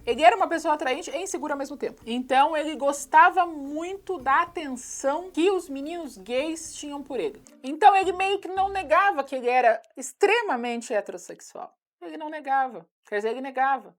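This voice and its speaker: A woman with a Brazilian Portuguese accent giving a sarcastic, comedic film recap as a commentator. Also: fairly high pitch. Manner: sarcastic, mocking. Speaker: YouTube commentator.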